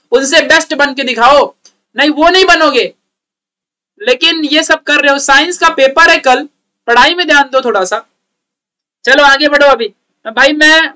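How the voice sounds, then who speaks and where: A man's voice: very high-pitched, pushed and bright. A young man from India with an Indian accent, an online tutor mixing chatty teasing and frequent laughs into a casual teaching rant.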